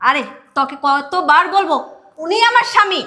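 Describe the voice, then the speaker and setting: A woman playing a defiant, scolding wife. Her voice is very high, bright and piercing. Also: lively intonation, normal speed, exaggerated voice. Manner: scolding, defiant, dialectal speech. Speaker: actor in a short film. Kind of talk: melodramatic short film acting.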